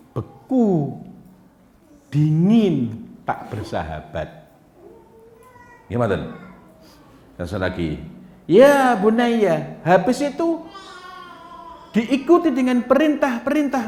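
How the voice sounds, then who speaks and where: A man giving an Islamic parenting lecture, acting out small scenes and swinging between soft and loud. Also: mid-range voice. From Indonesia. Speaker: preacher. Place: lecture hall. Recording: echoey lecture hall.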